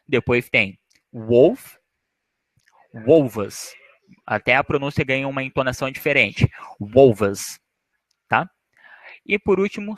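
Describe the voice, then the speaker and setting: A man teaching English plurals from slides, patiently repeating each word slowly for learners. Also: medium pitch, fairly bright tone, no echo. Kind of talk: slide-based English lesson.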